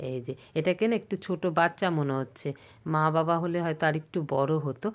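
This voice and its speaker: A woman's voice: low-pitched, a little fast. A woman vlogging as she walks around a zoo, talking chattily to a handheld camera. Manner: chatty, excitable pointing-out. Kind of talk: casual walking vlog narration. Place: outdoors at a zoo.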